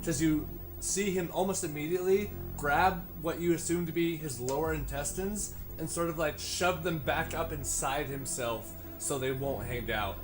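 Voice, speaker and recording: A man running a tabletop game as game master, talking in a relaxed, casual way and swearing freely. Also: on the high side, moderate pace. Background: background music.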